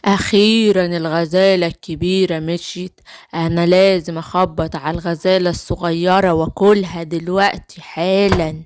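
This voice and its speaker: A woman with an Egyptian accent voicing a sly, hungry male wolf in a children's cartoon, talking slowly and menacingly. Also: fairly low pitch, fairly even intonation, smooth, dry recording, voice pushed down, close to an everyday voice. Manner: slow, menacing, gloating.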